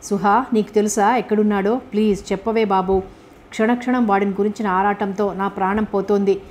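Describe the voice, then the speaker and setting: A woman's voice: mid-range voice, fairly even intonation, a little fast, darkish tone, slight background noise, natural voice. A woman doing a grieving mother. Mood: sorrowful. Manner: sorrowful and earnest. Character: grieving middle-aged mother, tender yet stern.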